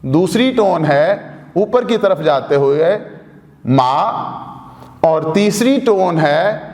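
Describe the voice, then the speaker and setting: A man with a Pakistani Urdu accent gives a slow, patient language lesson, repeating each sound to demonstrate it. His voice sits high, and the recording rings in a roomy space with a long tail of reverb. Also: expressive, darkish tone. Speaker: language teacher. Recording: echoey room with long reverb.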